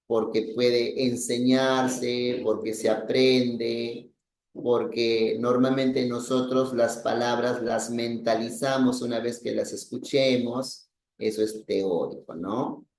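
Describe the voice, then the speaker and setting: A male teacher explains a language lesson at an unhurried pace. His voice has a gravelly, creaky edge. He repeats himself and checks in with "¿no?", heard in an echoey room. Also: medium pitch, fairly even intonation, darkish tone, a little hiss or hum. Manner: explains patiently with many repetitions and "¿no?" checks.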